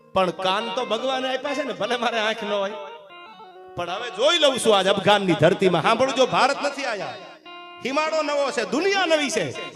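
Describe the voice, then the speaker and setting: A man with a Gujarati accent telling a heroic tale and reciting praise poetry as a folk storyteller, rousing and theatrical, repeating phrases for emphasis. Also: very high voice. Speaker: folk storyteller and singer performing live. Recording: music playing behind the voice.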